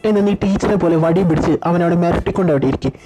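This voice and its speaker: A woman's voice: fairly low pitch, very fast, over music, lightly acted, low-quality recording. A woman voicing anxious young men bantering and pleading with friends in a fan audio drama. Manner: pleading, exasperated chatter.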